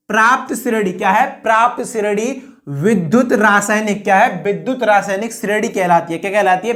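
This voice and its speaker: A woman teaching a chemistry exam-prep lecture who keeps asking rhetorical questions, repeating each answer and padding her sentences with "I mean" and "that is". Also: medium pitch. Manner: fills speech with 'I mean' and 'that is'.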